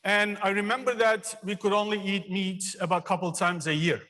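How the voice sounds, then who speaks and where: A man's voice: sits high, fairly even intonation, pushed and bright. A man in his fifties from Turkey, an engineering professor giving an earnest, personal commencement speech in a large theater. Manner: earnest, personal storytelling with pauses. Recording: long reverb of a large hall.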